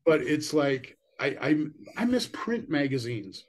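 A man's voice: medium pitch, very animated, measured pace. A middle-aged man talking as the guest musician on a video call, rambling and enthusiastic with many "you know"s. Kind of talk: casual interview chat. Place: indoor room at home.

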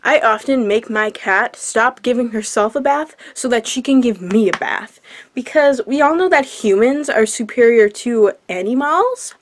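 A young woman hosting a comedic vlog, with a mock-scientific, deadpan delivery and casual swearing. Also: a little high, normal speed. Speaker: YouTuber.

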